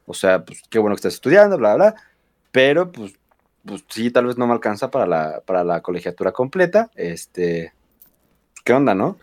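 A man's voice: fairly low pitch, big pitch swings, normal speed, darkish tone. A young man chatting casually with friends, hesitant and full of fillers and slang. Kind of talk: casual chat among friends.

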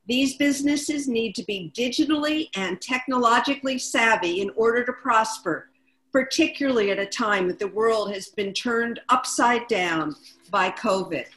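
A woman co-hosting a talk show, introducing a guest and reading prepared figures in a measured way. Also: on the high side, a bit bright, reverberant, rough recording. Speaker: co-host.

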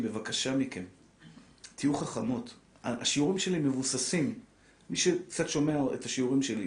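A middle-aged rabbi lecturer gives an animated, preacherly religious talk on marriage, swinging between soft, low lines and raised, pressing ones. The room is echoey.

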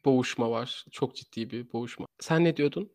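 A man narrates a true crime story in a conversational podcast style, his medium-pitched voice brisk, gravelly, and darkish. He pauses to search for words and often rephrases or repeats his own sentences. The sound is close and very dry, with no room echo.

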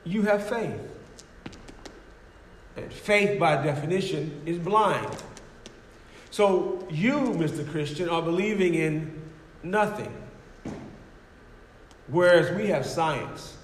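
A man's voice: a little high, takes it slowly, long pauses. A man voicing a scoffing male atheist who challenges a believer with mocking questions, in an echoey hall. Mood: dismissive. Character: scoffing skeptical male atheist arguing at the door. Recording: echoey hall with faint noise.

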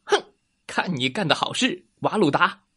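A heroic but clumsy superhero dad from a children's storybook, as a woman acts him out. He shouts his attacks loudly in a raised, declamatory voice. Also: lowish voice, very animated, unhurried, husky, heavily acted.

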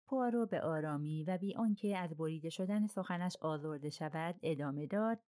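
A woman reading an audiobook in a steady, even way. Her voice sits low, and the recording is dry and close, with no room sound. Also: dry recording. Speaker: audiobook narrator. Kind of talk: scripted audiobook narration.

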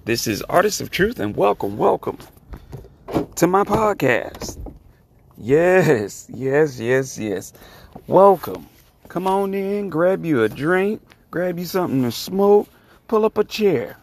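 A man hosting a podcast, delivering a theatrical introduction in a booming, sing-song showman's welcome. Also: big pitch swings, a little slow, vocal fry. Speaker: podcast host.

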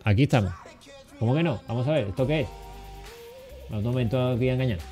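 A man's voice: medium pitch, fast talker, dark tone. A man in his forties from Cádiz, hosting a loose interview full of teasing and jokes. He stumbles over fillers and restarts, keeping things light. Faint music plays under his voice on what sounds like an online call. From Cádiz, Spain. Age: 40s. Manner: banters and teases, many fillers and restarts. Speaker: podcast host. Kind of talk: casual joking interview. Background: faint background music.

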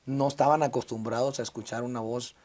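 A man in his thirties with a Mexican Sinaloa accent talks through his past in a relaxed interview. He speaks reflectively, pausing on fillers and restarting his phrases, at a medium pitch. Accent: Mexican Spanish, Sinaloa. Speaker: interview guest, singer. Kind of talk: casual conversational interview.

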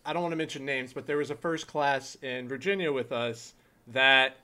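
A man's voice: mid-range voice, normal speed, pushed and bright. A young man, a former Navy corpsman, talking emphatically in casual podcast chat, swearing and restarting his sentences.

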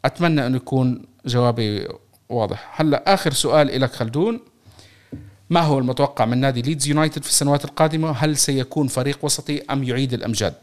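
A man's voice: mid-range voice, racing. A man with a Levantine Arabic accent hosting a football podcast in a casual, chatty style. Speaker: podcast host.

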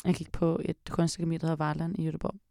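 Young woman host, gravelly, dry close sound, blunt sarcastic chatter. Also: deep voice, level tone, mellow, dry recording. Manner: frank, sarcastic, swears often. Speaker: podcast host. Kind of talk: casual chat.

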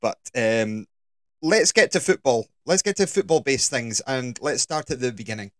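A man's voice: mid-range voice, lively intonation, moderate pace, a bit bright, no room sound. A man hosting a football podcast, jokey and bantering in casual chat. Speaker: podcast host.

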